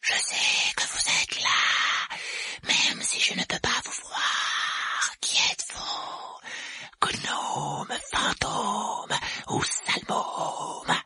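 A man voicing a sneaky, mischievous male poltergeist in an audiobook, whispering slowly and fawning. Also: pushed and bright, dry recording, full character voice. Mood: taunting. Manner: wheedling, fawning, slow whispers. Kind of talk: audiobook character voice.

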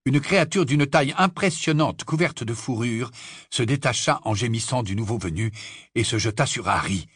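A man narrates a novel in a steady, measured read. His voice is husky and mid-pitched, recorded close and dry. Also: no room sound. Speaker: audiobook narrator. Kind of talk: scripted narration.

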